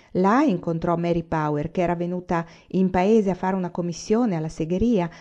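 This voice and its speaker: A woman reading a novel aloud in a calm, measured way. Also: fairly low pitch. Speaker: reader. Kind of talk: audiobook reading. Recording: dull lo-fi recording.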